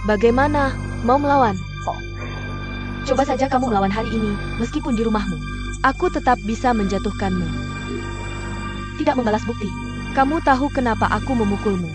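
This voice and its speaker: A woman's voice: a little high, a little fast, pauses often, natural voice. An actress dubbing a bold woman who threatens a rich director, blunt and commanding. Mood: menacing. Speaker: dub actor. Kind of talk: dubbed drama acting. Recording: music playing behind.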